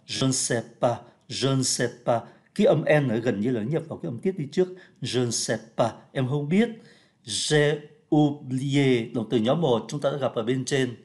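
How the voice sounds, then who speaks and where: A man from Vietnam gives a French pronunciation lesson. He speaks each phrase slowly and carefully, then explains it briskly. His voice is mid-pitched and his tone is plain and friendly. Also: darkish tone. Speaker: French teacher.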